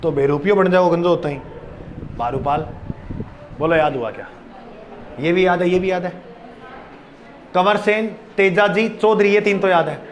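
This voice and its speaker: Loud playful male teacher leading chants. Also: high voice, normal speed, pauses often, slight background noise. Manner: loud, playful, chants names for the class to repeat. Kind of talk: classroom lecture with call-and-response drilling.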